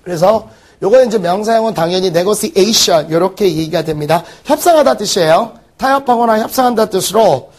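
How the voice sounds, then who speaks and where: A man teaching an exam-prep English lesson, firing quick rhetorical questions at the class. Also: sits high, animated. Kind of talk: recorded exam-prep lecture.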